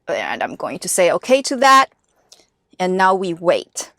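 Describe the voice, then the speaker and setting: A woman's voice: fairly low pitch, huge pitch swings, a little slow, vocal fry, fairly bright tone, no room sound. A woman from Taiwan, a native Chinese speaker, chattily explaining step by step from inside her car. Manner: chatty and explanatory, walking viewers through steps. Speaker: car vlogger. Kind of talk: casual vlog narration.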